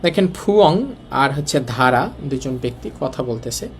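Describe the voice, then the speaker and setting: A man with an animated, medium-pitched voice teaches Korean at normal speed, with slight hiss or hum in the background. He speaks colloquial Dhaka Bengali from Bangladesh, explains step by step, and keeps asking the class rhetorical questions.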